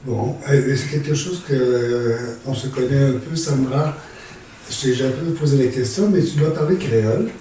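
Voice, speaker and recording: A podcast host conducts a conversational interview, asking questions hesitantly with many fillers and restarts. His medium-pitched voice is mellow, at normal speed, with a little hiss or hum. The mic is distant, with heavy room echo and faint ambience.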